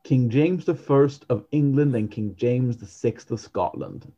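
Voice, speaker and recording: A man's voice: mid-range voice, a little slow, slightly rough, lo-fi sound. A man co-hosting a podcast, chatting casually and rambling, with many fillers and restarts. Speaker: podcast co-host. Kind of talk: casual chat.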